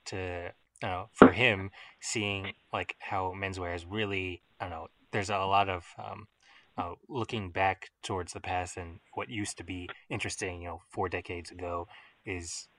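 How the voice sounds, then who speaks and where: A man hosts a casual podcast conversation, wandering through his thoughts and padding them with fillers. His voice is low. The recording is dry and close, with no room sound. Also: steady tone, normal speed, a bit bright, no room sound. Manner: rambling, hedging with fillers. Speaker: podcast host.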